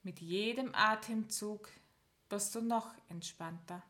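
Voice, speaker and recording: A woman leading a guided progressive muscle relaxation, giving calm step-by-step instructions and counting down slowly with long pauses. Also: mid-range voice.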